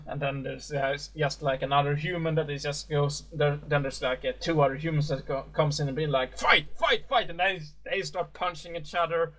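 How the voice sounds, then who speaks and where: A man narrating as game master in a casual tabletop session, speaking haltingly with many fillers and restarts. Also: fairly high pitch, little pitch movement.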